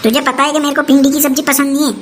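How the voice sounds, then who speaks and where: This is a bossy old mother-in-law voiced by a woman in a comic skit. She nags and threatens in a rustic dialect, with a high voice. There is a faint hiss behind her. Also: flat delivery, racing, natural voice, poor audio. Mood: scolding.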